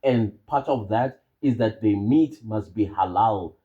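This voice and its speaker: A man's voice: on the low side, unhurried, phone-quality sound. A man with a South African accent giving informal, opinionated commentary as a channel host, emphatic and repeating phrases for stress.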